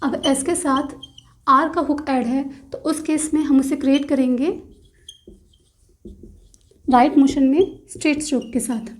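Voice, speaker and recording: A woman with a high voice teaches a shorthand lesson. She talks through each rule and slows right down to spell out the example words letter by letter. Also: steady tone. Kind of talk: explaining lesson.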